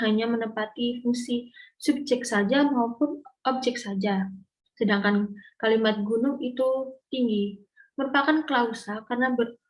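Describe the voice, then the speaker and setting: A young woman with a slightly high voice explains grammar in a careful, read-aloud lesson. She often stops mid-word and starts again. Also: poor audio. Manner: careful, with frequent self-corrections and restarts. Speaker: student presenter explaining syntax.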